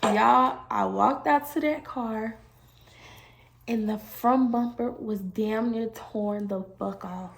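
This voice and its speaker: A young adult woman telling a casual storytime to her viewers, animated and emotional, swearing and calling them y'all. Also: on the high side, slow pace, creaky. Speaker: beauty vlogger telling a storytime.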